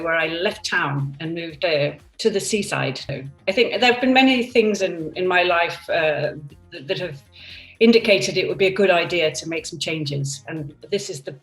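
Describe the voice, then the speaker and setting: Interviewed over a computer video call from her seaside home, a product designer in her fifties from Denmark and England talks candidly and thoughtfully in a medium-pitched voice, often restarting her sentences. It's a reflective, conversational exchange. The recording is roomy and distant from the mic, with soft music in the background.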